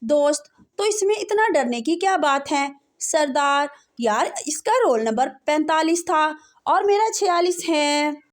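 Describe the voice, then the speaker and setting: This joke teller has a high-pitched, animated voice and delivers her string of short jokes a little slowly, barely pausing. A laugh track plays after each punchline.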